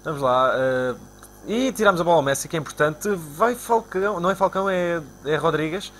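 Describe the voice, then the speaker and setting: A young man from Portugal with a European Portuguese accent, commentating his own football video game live and shouting at his players. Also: fairly quick, slight background noise. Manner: excitable, shouts at players and spikes into high-pitched cries. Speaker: gaming YouTuber.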